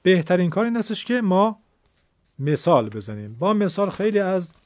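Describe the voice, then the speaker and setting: A man's voice: sits high, lively intonation, darkish tone, dry recording. Man teaching pronunciation, dull dry broadcast. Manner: patient, explanatory, demonstrates sounds slowly. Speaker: Quran recitation teacher. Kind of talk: radio pronunciation lesson.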